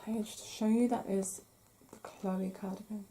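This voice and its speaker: Woman crochet podcaster, croaky throat, dark mellow tone, chatty and a bit self-deprecating. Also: mid-range voice, fairly even intonation, unhurried, slight background noise. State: croaky, keeps clearing her throat. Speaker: podcast host. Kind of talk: casual crochet podcast chat to camera.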